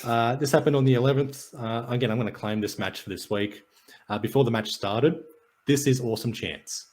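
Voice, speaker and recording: A man's voice: medium pitch, a little fast, darkish tone. Man, podcast co-host, casual sports chat, dry jokey stat rundown.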